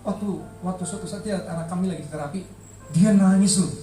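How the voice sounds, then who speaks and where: A middle-aged man delivers an emotional church testimony, pressing hard on repeated words. He sounds a little distant from the microphone in a large, reverberant hall, with soft music faintly underneath. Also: high voice, fast. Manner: heartfelt, emphatic, repeats words for stress. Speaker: church speaker giving a testimony.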